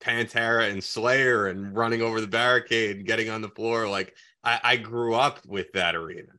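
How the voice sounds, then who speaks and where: Bright, forceful, lowish-voiced man. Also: fairly even intonation, moderate pace. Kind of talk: casual chat.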